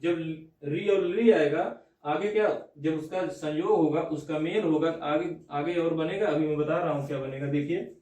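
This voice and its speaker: A man's voice: fairly high pitch, normal speed, dark tone. A man teaching a classroom grammar lesson, asking questions and checking that his students follow. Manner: checks understanding with repeated "theek hai na?". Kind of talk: classroom lecture on Hindi grammar. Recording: echoey room, distant mic.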